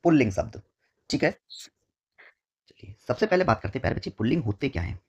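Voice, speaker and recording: A man teaches an exam-prep lesson in a husky, slightly breathy voice at a middle pitch. He repeats each key term slowly and keeps asking "ठीक है". He calls his students his dear children. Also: very animated, lo-fi sound.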